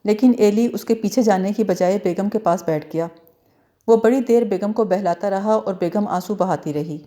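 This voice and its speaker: A woman narrates a novel for an audiobook in a mellow, warm voice at a middling pitch. Her telling is expressive, and she slips into the characters' lines as she reads.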